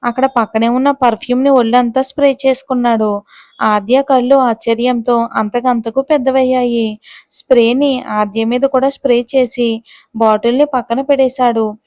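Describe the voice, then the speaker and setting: A woman storyteller giving a steady, scripted narration of a romance audio story. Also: a little high, normal speed, dry recording, studio quality.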